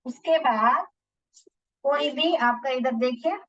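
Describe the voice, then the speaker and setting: A woman teacher giving a lesson to children, repeating words slowly so they can write them down. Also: high voice, muffled recording.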